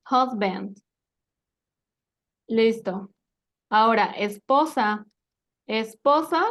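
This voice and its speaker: Patient woman teaching English. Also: a little high. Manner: patient, checks understanding with frequent questions. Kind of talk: spoken language lesson.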